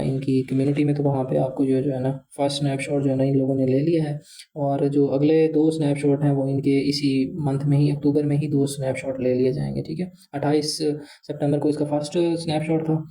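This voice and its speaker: A man's voice: mid-range voice, flat delivery, fairly quick, mellow, rough recording. A man casually walks viewers through an app, rambling and leaning on filler phrases. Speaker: crypto channel host. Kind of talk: casual explainer walkthrough.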